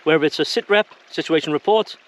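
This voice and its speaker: Speaking fast in a voice on the high side, a man offers viewers casual instructions. His style is plain and chatty, like an everyday how-to video.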